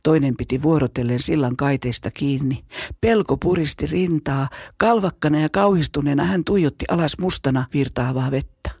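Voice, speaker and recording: A storyteller reading a children's story aloud in a steady, measured way. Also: mid-range voice, slightly rough, dry recording, studio quality. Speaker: narrator.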